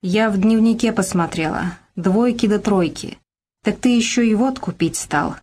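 A woman's voice: mid-range voice, normal speed, a little mellow, close to an everyday voice. An exhausted working mother scolds in a hissing, clipped voice, as a woman narrator plays her. She is bitter and worn down, a figure from a gritty audiobook drama. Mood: scolding. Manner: hissing through teeth, tearful.

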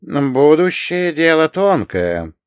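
A man's voice: mid-range voice, lively intonation, measured pace, dry recording, studio quality, lightly acted. A man doing a cool, theatrical young mob boss. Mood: languid. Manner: languid drawl that flares into barking.

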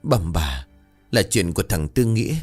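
A man with a low voice voicing a guilt-ridden old female servant who confesses in a hushed, tearful way. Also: very animated, moderate pace, soft background music. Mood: tearful confession.

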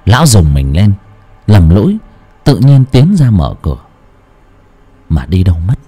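A man narrating a horror story in an expressive, dramatic storytelling style, then chatting jokily to listeners. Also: lowish voice, a little slow, breathy edge. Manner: expressive, lively delivery; jokey, chatty afterword. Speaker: audiobook narrator.

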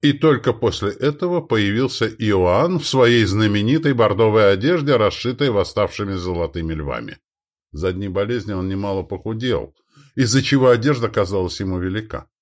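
Low-voiced man narrating a story. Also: normal speed. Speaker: audiobook narrator. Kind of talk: scripted audiobook narration.

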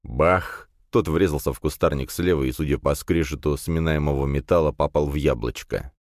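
A man's voice: rumbling low, moderate pace, no room sound, clean studio sound. A man reading a fantasy audiobook in the first person, telling the story expressively. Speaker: audiobook narrator.

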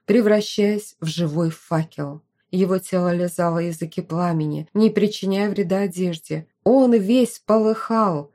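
A woman reading a fantasy novel aloud as narrator, with expressive storytelling. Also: lowish voice.

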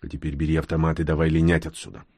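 A man voicing a hardened soldier who gives low, hushed, clipped orders in an audiobook. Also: level tone, rapid-fire, slightly rough, dry recording, exaggerated voice. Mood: grim. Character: grim, hardened male soldier, curt and commanding.

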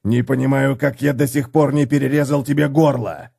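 A man voicing a furious, scornful old dwarf warrior who bellows slowly and heavily in an audiobook. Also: mid-range voice, fairly even intonation, vocal fry, dark tone. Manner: bellowing, slow and heavy.

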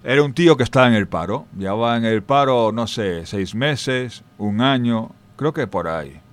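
Telling jokes and stories in a casual, chatty manner, this storyteller speaks with a Spain Spanish accent and talks straight to his listeners, sometimes restarting his sentences. His voice is medium-pitched, with animated intonation and a moderate pace.

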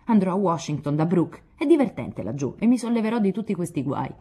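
A woman's voice: fairly low pitch, very animated, brisk, mellow, breathy edge, voice pushed up. A woman reading aloud, voicing a hot-tempered, proud young man who blusters indignantly.

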